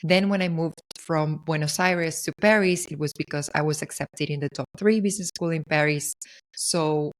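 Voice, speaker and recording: Low-voiced woman from Argentina hosting a podcast. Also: fairly even intonation, normal speed. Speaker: podcast host. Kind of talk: personal storytelling monologue.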